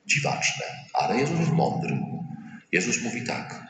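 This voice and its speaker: A man's voice: medium pitch, wildly swooping pitch, unhurried, fairly bright tone, soft background music. A male priest giving a sermon in a colloquial, humorous way, often acting out quoted voices. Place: church. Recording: echoey church hall with faint ambience.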